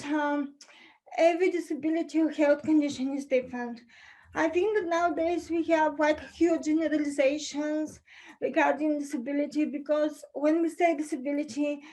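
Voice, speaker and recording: A young woman from Bulgaria speaks in a bright, high voice as she talks through presentation slides on a video call. Her pace is careful and slightly halting, with small fillers between her points. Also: rough recording. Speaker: conference speaker.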